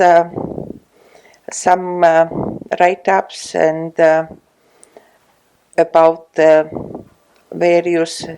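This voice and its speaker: A retired social worker in her sixties from Estonia is interviewed at her home for an oral history, speaking English with an Estonian accent. She talks slowly and hesitantly, with many pauses, in a fairly low-pitched, dark voice. The recording is low quality.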